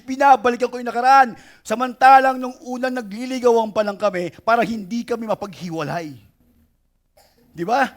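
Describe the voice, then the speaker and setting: High-voiced Filipino pastor in his forties. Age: 40s. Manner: emphatic, slows down for quoted verses; lively storytelling with laughs and asides to the church. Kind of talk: sermon.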